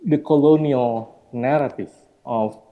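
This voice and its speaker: Slow and hedging, this panel speaker, an architecture researcher, works through his slides at a roundtable in a gallery hall, thinking aloud with plenty of "perhaps" and "I don't know." His mid-range voice comes through narrow, tinny audio with long hall reverb.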